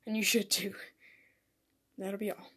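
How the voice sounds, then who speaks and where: A woman's voice: medium pitch, flat delivery, measured pace, a bit bright, slightly rough. A woman talking casually and self-deprecatingly in a rambling solo podcast, recorded in a small home bathroom. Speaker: podcast host.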